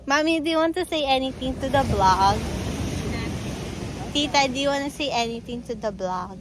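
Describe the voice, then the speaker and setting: A woman's voice: sits high, animated, moderate pace. A woman with a Filipino accent chatting casually as a vlog host in playful conyo Taglish, mixing English into Tagalog. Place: outdoors at a beach. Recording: noisy outdoor recording, vehicle sounds.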